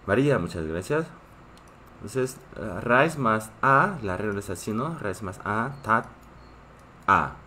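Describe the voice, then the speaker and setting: A man's voice: on the low side, lively intonation, takes it slowly, pushed and bright, slight background noise. A man who is a native Korean speaker, teaching a live online class in a patient way and often checking in with his students. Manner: reads chat and greets viewers.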